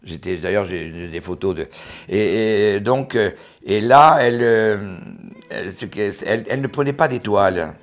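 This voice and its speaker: A man in his eighties with a southern French accent from Montauban, reminiscing in an interview, often halting and repeating words as he recalls. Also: on the low side. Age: 80s. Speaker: interviewee, retired dancer.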